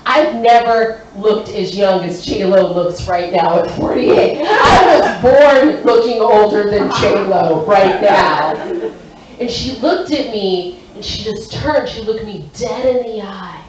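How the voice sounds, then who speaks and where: A woman performing a stand-up comedy set, brash and excitable, shouting her punchlines. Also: mid-range voice, slow pace, muffled recording, slight background noise. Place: comedy stage in a hotel venue. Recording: echoey room, from a distance.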